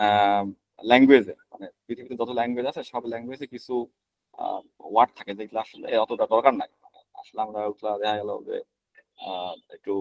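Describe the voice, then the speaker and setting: A man's voice: medium pitch, no room sound, rough recording. A young man giving an online lecture from slides, explaining terms in a conversational way, with many fillers and self-corrections.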